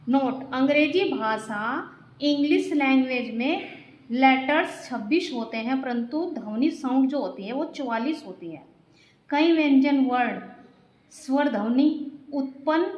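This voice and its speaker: A woman's voice: high-pitched, reverberant, low-quality recording. A woman teaching grammar to children, patiently spelling out letters one by one and often speaking to the class directly. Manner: repeats points and keeps addressing the children.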